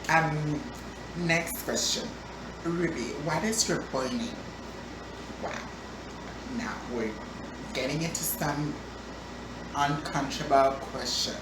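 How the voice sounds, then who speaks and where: Woman vlogger with a very low voice, slow, playful, recorded from afar in an echoey, noisy room. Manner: chatty, playful, with frequent ums and restarts. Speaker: vlogger answering viewer questions. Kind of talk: casual Q&A vlog. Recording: echoey room, distant mic, background noise.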